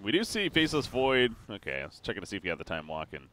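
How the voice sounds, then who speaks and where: A man doing live play-by-play for a video game match, his voice bright and forceful and swinging widely in pitch as the action heats up. He talks quickly and gets excited, with plenty of fillers, over a faint bed of background noise. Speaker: esports caster.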